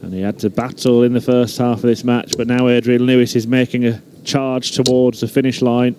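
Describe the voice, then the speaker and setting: A man delivers live darts commentary in a mid-pitched, mellow voice. There is faint noise behind him as he follows the play. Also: little pitch movement, a little fast.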